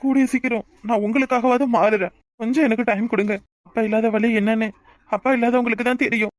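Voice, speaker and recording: A remorseful cartoon father, voiced by a man, pleads with his family. His voice sits very high and runs fast, and the sound is dry and close with no room around it. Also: fairly even intonation, no echo. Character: grieving young father, guilt-ridden and pleading. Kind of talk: cartoon voice acting.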